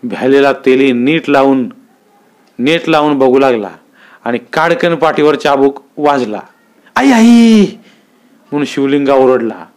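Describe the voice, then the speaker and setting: Clear-voiced male storyteller. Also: mid-range voice, normal speed. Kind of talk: literary narration.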